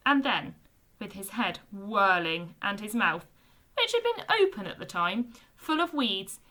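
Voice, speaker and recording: A woman, a teacher, reading a children's book aloud with expressive storytelling. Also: medium pitch.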